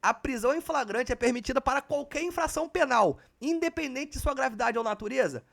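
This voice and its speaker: A man's voice: very high-pitched, lively intonation, brisk, gravelly, a bit bright. A man teaching a live online exam prep class in a casual, slangy, profane manner, talking to his students as "galera".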